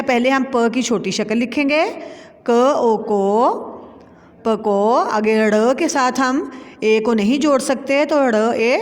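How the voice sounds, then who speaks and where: Slow, patient woman teacher, echoey room. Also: fairly high pitch. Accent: Pakistani Urdu. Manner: slow, patient spelling out letter by letter. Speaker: school teacher. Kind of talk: online Urdu lesson for children.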